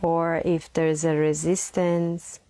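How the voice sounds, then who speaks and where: Leading a guided meditation, a woman with a deep voice keeps a level tone, slow and soothing. Long pauses and repeated phrases mark her soft, occasionally breathy speech, recorded with no echo.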